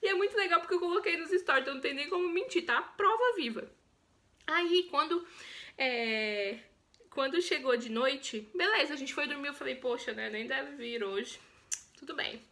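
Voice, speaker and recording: A young Brazilian woman recounts the story of her own birth in a chatty, expressive vlog. She speaks with a Brazilian Portuguese accent, a high-pitched voice, and a normal pace.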